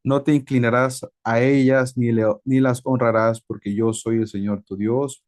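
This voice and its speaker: A man's voice: medium pitch, level tone, normal speed, a little mellow. A man teaching a Bible class to a small congregation, asking the room questions and stretching out key words. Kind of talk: interactive bible class sermon.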